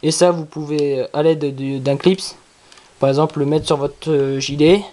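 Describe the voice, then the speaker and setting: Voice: medium pitch, steady tone, normal speed. Casual product reviewer, noisy recording. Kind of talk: casual unboxing and review talk. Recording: clearly noisy with handling clicks.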